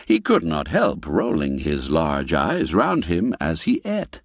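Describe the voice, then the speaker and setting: A man narrates a radio drama theatrically, relishing old-fashioned phrases, slow and deliberate with huge swoops in pitch and some vocal fry. It is dramatic audio-drama storytelling, recorded dry with no echo at studio quality.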